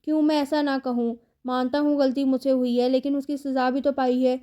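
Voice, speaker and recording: A woman's voice: sits high, level tone, warm tone, lightly acted. A woman voicing a remorseful young husband who begs forgiveness, in a novel read aloud. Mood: pleading. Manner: self-pitying, pleading.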